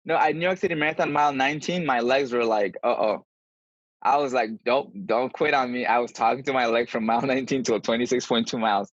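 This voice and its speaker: Speaking fast in a medium-pitched voice, a podcast guest and endurance runner tells his personal stories in a casual, sincere interview. It comes over a video call, so the lo-fi audio is dull, and the recording is dry.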